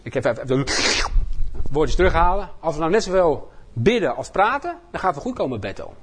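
Male lay preacher, Netherlands Dutch accent, fairly high voice, folksy and self-deprecating, informal sermon delivery with stammered repetitions. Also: big pitch swings, fairly quick, fairly bright tone, slight background noise. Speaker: missionary speaker preaching at his home church.

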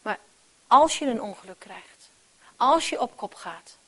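A woman preaching a sermon with earnest conviction. She moves between soft near-whispers and loud emphatic calls, and repeats words as she restarts. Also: on the high side, lively intonation, measured pace.

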